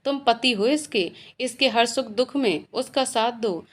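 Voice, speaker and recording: A woman's voice: a little high, a little slow. A woman voicing a caring but firm mother-in-law in a spoken storybook. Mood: motherly.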